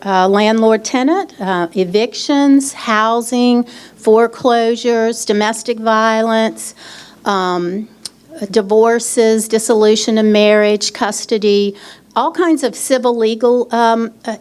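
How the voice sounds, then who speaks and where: A middle-aged woman presents a legal aid workshop in an expo hall, speaking into a handheld microphone in a chatty way with many fillers. Her voice is on the high side, a little mellow, and clear with a resonant tone.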